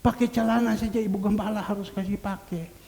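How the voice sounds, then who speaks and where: An older man preaching a sermon as pastor in a church hall, swinging from loud pleading cries to low murmured asides. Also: fairly even intonation, fairly quick, vocal fry. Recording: reverberant church hall, faint noise.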